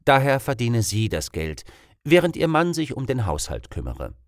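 Here a male narrator of medium pitch brings a story to life with expressive, scripted reading. His pace is moderate, and the audio is dry and studio quality.

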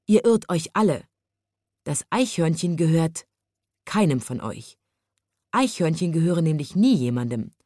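A woman voicing a small, calm, gentle male stationmaster in a children's story, speaking quietly and kindly. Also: low voice, unhurried, long pauses, no room sound, clean studio sound.

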